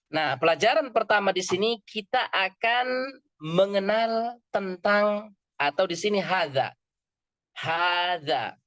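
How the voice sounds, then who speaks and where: A man's voice: sits high, fairly bright tone, no room sound. A man teaching an Arabic class in a casual, joking way, chatting with his students and often laughing. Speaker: Arabic teacher at a study circle.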